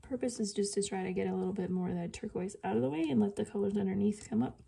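A woman's voice: mid-range voice, fast talker, gravelly, warm tone, breathy edge. A woman casually talking through a painting demonstration, chatting and muttering asides to herself as she works. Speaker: art video creator.

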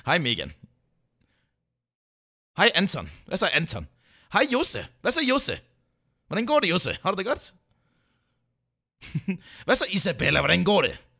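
A man hosting a livestream chats and greets viewers in a high, gravelly voice with a breathy edge, keeping a measured pace broken by long pauses. He's excitable and jokey, and he keeps repeating himself.

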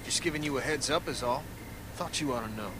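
A man's voice: medium pitch, fast, over music, lightly acted, rough recording. An actor playing a blunt, plain-spoken, wary man in a video game. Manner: blunt, matter-of-fact.

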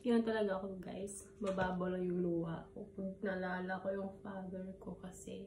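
A Filipino woman vlogger telling a personal story while crying, halting and choked up, with many fillers and English mixed in. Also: on the low side, level tone, mellow, reverberant, a little hiss or hum. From Philippines. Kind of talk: tearful personal storytelling vlog. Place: room abroad.

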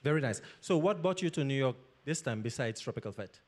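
A man's voice: mid-range voice, expressive, fairly quick, a little mellow. A man hosting on stage, introducing the guest with showman energy and interviewing him, using a handheld mic. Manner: showman, hypes the crowd. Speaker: interviewer and emcee. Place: library auditorium stage with audience.

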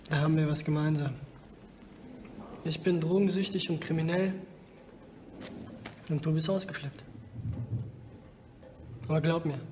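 A man's voice: on the high side, darkish tone, slight background noise, natural voice. A man playing a blunt streetwise young junkie. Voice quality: rough street slang, blunt. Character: streetwise drug-addicted young man, blunt but caring. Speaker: film character. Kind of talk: film drama dialogue.

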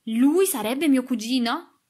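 A woman reading an audiobook, voicing a spoiled, imperious young girl who talks high and insistent. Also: expressive, moderate pace. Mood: distraught.

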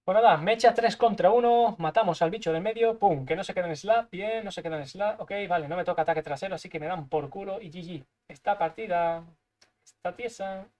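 A young man from Spain with a Spanish accent, giving live gameplay commentary, excitable and swearing, muttering to himself as he plays. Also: sits high, a little fast. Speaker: streamer.

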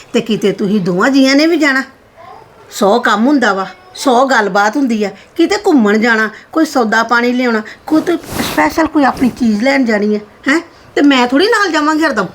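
A woman's voice: a little high, slight background noise. A middle-aged woman playing a reassuring mother-in-law in a scripted family skit. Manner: warm, reassuring, calls her "son".

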